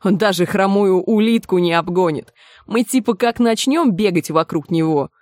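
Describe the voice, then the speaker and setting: A woman's voice: medium pitch, normal speed, a little mellow, no room sound, natural voice. A woman voicing a boastful young male football fan who scoffs at his rival, in an audiobook. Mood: scoffing.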